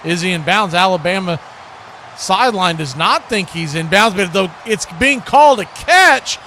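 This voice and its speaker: An American play-by-play commentator calls a live football game in a high voice at normal speed, mixing clipped present-tense calls with chatty asides. Clear, steady background noise runs under the recording.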